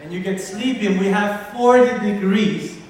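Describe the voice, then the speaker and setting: A man in his forties from Sicily with an Italian accent, giving a lively, interactive conference keynote and polling the audience. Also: high voice, normal speed. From Sicily, Italy. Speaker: keynote speaker. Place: large hall with an audience. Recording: echoey hall, distant mic, faint noise.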